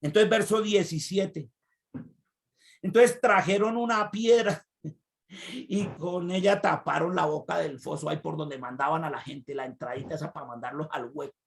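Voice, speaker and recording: A man preaching a sermon, retelling a Bible story with lively swings from loud cries to quiet asides. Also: a little high, moderate pace, gravelly.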